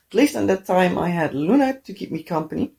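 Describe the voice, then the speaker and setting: A woman with a hoarse, sick voice, rambling casually with lots of fillers and coughs as she chats on her crafting vlog. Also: lowish voice. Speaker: crafting vlogger. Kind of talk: casual chat while crafting.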